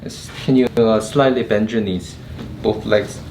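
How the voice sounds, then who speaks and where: A man's voice: on the low side, fairly even intonation, a little slow, a little mellow. A man working as a chiropractor, guiding a patient through treatment with short, simple, reassuring instructions. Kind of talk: casual hands-on instruction to a patient. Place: indoor treatment room. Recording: echoey room with clear background noise.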